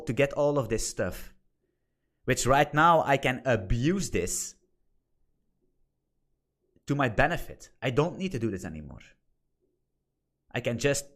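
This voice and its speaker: This course instructor, a Dutch-native man in his thirties with a medium-pitched voice, leads an informal screen-share lesson online. His style is blunt and full of swearing, and he repeats things to drive them home.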